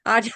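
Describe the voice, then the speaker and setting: A woman's voice: sharp tone, no echo. An older woman with an Oklahoma Southern twang and drawl, chatting casually. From Oklahoma, United States. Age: 60s or older. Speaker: spiritual channeler, guest. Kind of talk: casual chat.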